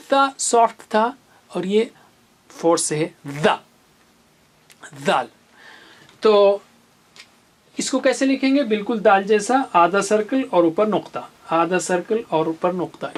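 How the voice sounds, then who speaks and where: A patient reading teacher in a recorded lesson. The pace is unhurried, and each Arabic letter sound is spelled out and repeated with care for the learner. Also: mid-range voice. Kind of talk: recorded lesson with memory stories.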